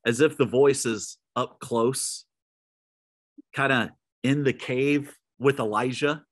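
A man at mid pitch preaches to his congregation, retelling a story and talking to them directly. Now and then he sinks into a hushed low tone to stress a point. The sound is close and dry, with no room echo. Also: fairly even intonation, slow pace. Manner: storytelling, drops to a soft low voice for emphasis; speaks straight to listeners. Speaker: pastor. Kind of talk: midweek sermon.

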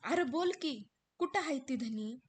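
A woman's voice: sits high, lively intonation, measured pace, slightly rough, exaggerated voice. Woman putting on an anxious rural young wife. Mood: alarmed. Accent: rural Marathi dialect. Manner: pleading, raised rustic speech. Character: grieving young village wife, devoted and anxious.

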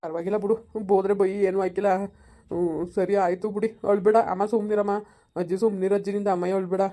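Woman voicing a young village soldier son, soothing, rapid talk, mellow tone. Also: medium pitch, steady tone, close to an everyday voice. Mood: consoling. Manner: soothing, consoling. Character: young male village soldier, earnest and gentle. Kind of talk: village family drama acting.

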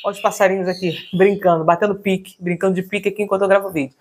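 A woman's voice: medium pitch, steady tone, racing, darkish tone, slight background noise. A woman giving an upbeat online singing lesson as a vocal coach, often checking in with her viewers.

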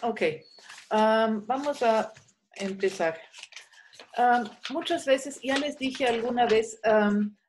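A woman teaching German in an online video-call class, relaxed, with many fillers, slowly modelling German sounds. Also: a little high, a little hiss or hum.

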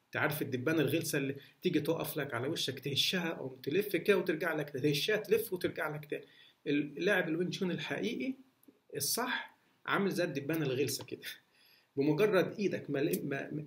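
A man's voice: on the high side, fast. A man with an Egyptian Arabic accent, a martial arts instructor answering viewer questions in a casual talk, full of fillers and restarts. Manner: hesitant, many restarts and fillers. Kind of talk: casual Q&A monologue.

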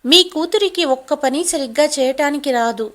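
A woman voicing an angry, bossy young wife who scolds and shouts in a storybook drama. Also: sits high, moderate pace, close to an everyday voice. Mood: angry scolding.

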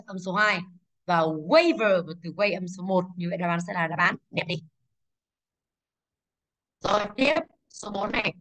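A young woman teaching English, briskly walking through exam answers and asking the class questions she then answers herself. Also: medium pitch, fairly bright tone, rough recording.

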